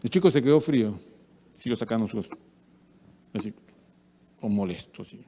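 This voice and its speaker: A man's voice: lowish voice, normal speed. A man with a Peruvian Spanish accent preaching a sermon, acting out everyday anecdotes. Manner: animated preaching with acted-out anecdotes. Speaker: pastor. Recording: church hall with long reverb.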